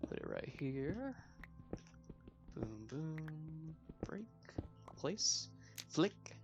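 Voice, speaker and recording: A man's voice: a little high, big pitch swings, drawn-out words, creaky, music in the background. A 21-year-old man giving casual gameplay commentary as a let's play host, rambling with self-mocking asides.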